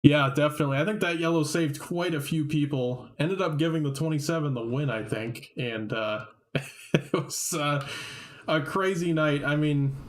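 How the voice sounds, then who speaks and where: A man's voice: fairly high pitch, moderate pace. A man doing casual post-race interviews from a broadcast booth, upbeat and chatty, laughing often.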